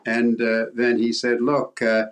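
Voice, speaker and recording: An older Canadian man, a guest on an interview show, telling a story in a halting way with repeated words. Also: mid-range voice, completely flat delivery. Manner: halting, repeats words, acts out quoted voices.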